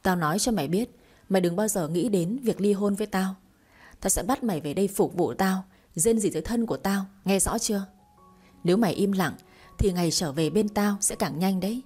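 A woman voicing a cruel, threatening young husband in a read-aloud story, with a husky, mellow voice. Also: medium pitch, fairly quick, faint music behind, lightly acted. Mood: menacing. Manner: menacing, contemptuous.

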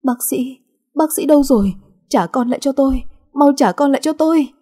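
A woman voicing a young mother frantic with grief, pleading in a shrill, tearful voice. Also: animated, fairly quick, dark tone, husky. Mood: distraught.

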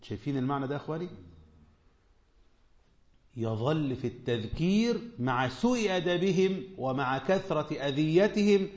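A man's voice: on the high side, expressive, moderate pace, pauses often, darkish tone. A man with an Egyptian accent teaching a religious lesson. He speaks in colloquial Arabic, asks his listeners questions and repeats short phrases for emphasis. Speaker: sheikh teaching a tafsir lesson. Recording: dull, lo-fi sound.

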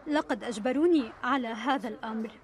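A woman's voice: on the high side, fast talker, natural voice. A woman dubbing a nervous young female traveler. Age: 20s. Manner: short, hesitant answers. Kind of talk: dubbed documentary dialogue.

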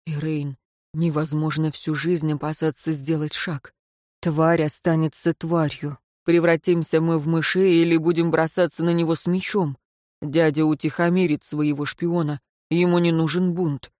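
A narrator voicing a proud young lord and husband with a lower, firm voice. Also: flat delivery, normal speed, dry recording, clean studio sound, lightly acted. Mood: soothing. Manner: lower voice, angry shouts then quiet firmness. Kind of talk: audiobook character voice.

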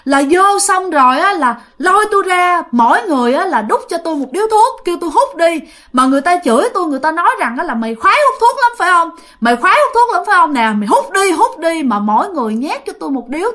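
A woman's voice: very high voice, big pitch swings, fast talker, fairly bright tone, voice pushed up, heavily acted. A woman voicing a terrified old man, begging his wife again and again to save him. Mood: panicked pleading. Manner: pleading, repetitive, panicked.

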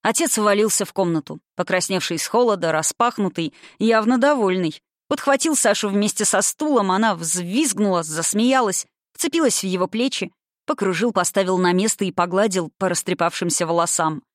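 A woman narrating a novel in an even, expressive audiobook reading. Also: mid-range voice, normal speed, dry recording, studio quality.

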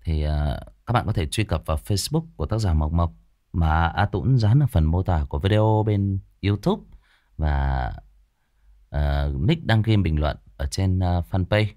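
A man opens his storytelling stream, chatting casually with many fillers. His voice is deep and lively in pitch, and the sound is dry and close. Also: unhurried, no echo. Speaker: storyteller host. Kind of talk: casual livestream intro.

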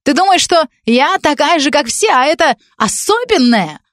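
A woman reading a story, voicing a jealous, hysterical young female student who shouts accusations through tears. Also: sits high, very animated, normal speed, no room sound, studio quality, voice pushed up. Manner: screaming, sobbing accusations. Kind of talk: audiobook character reading.

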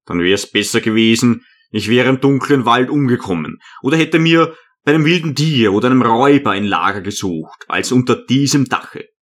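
A man narrating an audiobook as a first-person storyteller, measured and earnest. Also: mid-range voice, animated.

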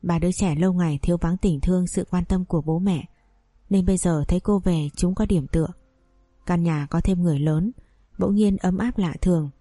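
A woman reading a story aloud in a calm, even voice, narrating and doing every part herself. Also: fairly low pitch, a little fast, no room sound.

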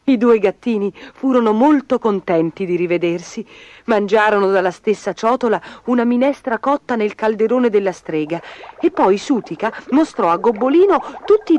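A woman reads a fairy tale aloud in a fairly high, expressive voice. A steady hiss sits under the recording. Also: muffled recording. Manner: expressive, lively. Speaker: storyteller. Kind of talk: storybook reading.

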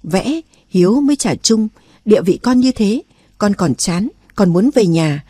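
A woman voicing an older village mother who is plain-spoken and loving, with a homely, gently scolding manner in an audiobook. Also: medium pitch, animated, measured pace, no echo.

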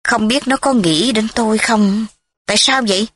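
A woman's voice: fairly high pitch, moderate pace, a bit bright, no room sound. A woman reading the lines of a nosy, fretful elderly village aunt in a recorded story.

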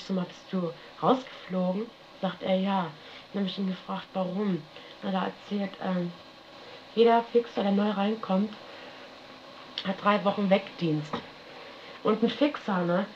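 A woman talks through her memories in a loose, rambling, colloquial way, finishing her sentences with a questioning "ne?". Her voice sits at a medium pitch. It comes from a dull, lo-fi archival radio tape with a faint hiss underneath. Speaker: interviewee recounting her life. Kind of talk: casual spoken recollection.

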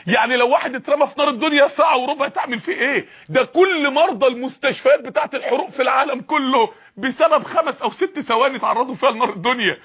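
A man's voice: very high-pitched, racing, fairly bright tone, slightly rough. A man with an Egyptian accent preaching a sermon, fiery and full of repeated rhetorical questions.

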